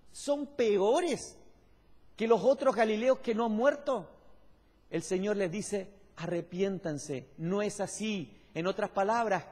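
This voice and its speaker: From a pulpit on the stage of a large church hall, a man preaches in an explanatory, emphatic teaching style, posing questions to the congregation. His voice sits high with a darkish tone. The hall is echoey, with long reverb.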